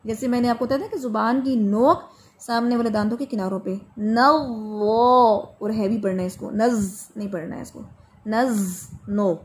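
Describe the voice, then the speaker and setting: A woman teaching Quran recitation in an online class. She patiently corrects a student and slows right down to model each phrase. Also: fairly high pitch, darkish tone.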